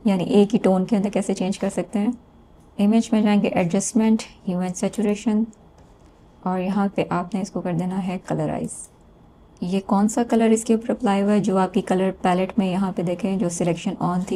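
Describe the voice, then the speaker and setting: A woman calmly explaining a screen-recorded design tutorial step by step, with small hesitations. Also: on the low side, slight background noise. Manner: calm step-by-step explaining with fillers. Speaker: textile design instructor.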